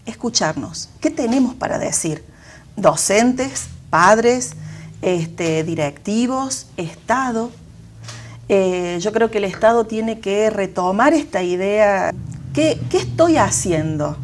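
A woman's voice: medium pitch, takes it slowly, a little hiss or hum. A woman with an Argentine accent, a school director, giving thoughtful interview answers full of fillers and restarts. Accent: Argentine Spanish.

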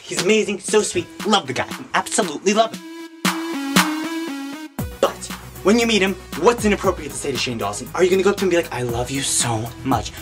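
A man's voice: high-pitched, fairly bright tone. A young man doing a casual comedic vlog rant, sassy and flamboyant, swearing freely and swooping into sing-song emphasis, talking close to a camera mic in a hot indoor room. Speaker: vlogger giving comic advice.

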